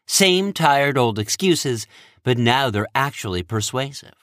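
A man's voice: medium pitch, animated, measured pace, fairly bright tone, dry recording, studio quality. A man voicing an earnest female weaver of fates who speaks politely and plainly to her lord.

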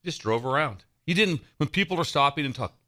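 A man from Nebraska, co-hosting a casual sports podcast, telling stories in an excitable, animated way and laughing often. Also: a little high, quick pace. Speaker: podcast co-host.

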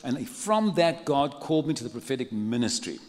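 Humorous older preacher. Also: male voice, mid-range voice, sing-song, a little fast, long reverb tail. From South Africa. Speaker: pastor. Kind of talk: sermon.

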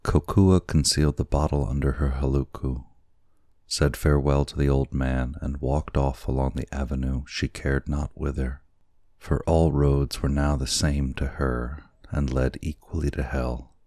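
A man narrating a classic story as an audiobook, in a measured, deliberate reading. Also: rumbling low, little pitch movement, a little mellow, no echo, studio quality.

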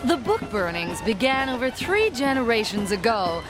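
An actress playing a gushing, pious festival co-host in satirical broadcast commentary. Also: female voice, on the high side, big pitch swings, moderate pace, over music. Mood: solemnly proud.

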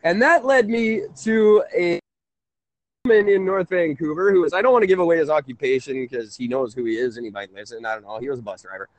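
A man's voice: a little high, a little fast, no echo. A man in his late thirties hosting a casual call-in talk show, rambling and correcting himself as he goes. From Canada. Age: 30s. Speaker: host.

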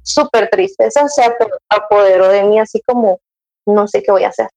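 A woman's voice: medium pitch, a little fast, darkish tone, low-quality recording. A young woman, telling her story in casual chat, acting out her own past words with many restarts. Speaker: guest sharing her motherhood story.

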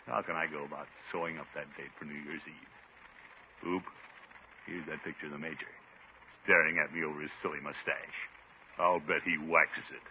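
An actor playing a pompous, flirtatious middle-aged bachelor uncle in a 1950s radio sitcom, with a blustery theatrical delivery. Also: male voice, rumbling low, steady tone, normal speed, long pauses. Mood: grumbling. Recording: tinny, noisy 1950s radio recording.

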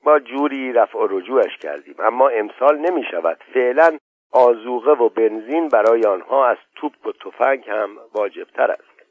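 Man doing a smooth-talking older landowner, wheedling his brother, dry lo-fi sound. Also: medium pitch, animated, dry recording. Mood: coaxing. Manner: coaxing, persuasive. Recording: dull, dry lo-fi audio.

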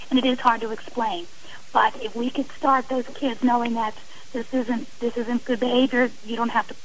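On a rough, hissy radio recording, a middle-aged woman whose voice is on the high side answers interview questions as an advocate against domestic violence. She speaks earnestly and passionately, in long, emphatic appeals.

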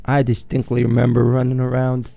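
A man from Yemen hosting a radio show, chatting in a relaxed way and telling stories. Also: mid-range voice, brisk, creaky, no room sound, muffled recording, soft background music. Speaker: radio host. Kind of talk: casual radio chat. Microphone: studio microphone.

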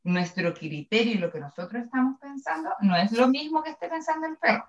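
A woman's voice: on the high side, expressive, a little fast. A woman with a Chilean accent, explaining dog training in a podcast chat and acting out examples of owners scolding their dogs. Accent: Chilean Spanish. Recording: echoey room, dull sound.

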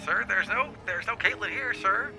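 A man's voice: high-pitched, moderate pace, gravelly, over music, pitched above the performer's own voice. A man voicing a polite but impatient male operator answering a payphone call.

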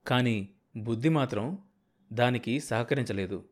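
A man reading a novel aloud as an audiobook narrator, in a steady, measured storytelling way. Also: medium pitch.

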